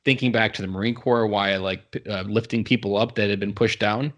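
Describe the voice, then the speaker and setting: A man's voice: on the low side, steady tone, brisk, muffled recording. A man in his thirties, a podcast guest, telling his story in an earnest, reflective way. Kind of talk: casual interview conversation.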